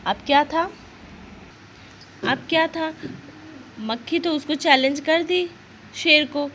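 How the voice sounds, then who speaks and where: A woman teacher with a high voice reads a short children's story aloud. She stops often to explain simple words and check in with her listeners. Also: slow pace, a bit bright, a little hiss or hum, rough recording.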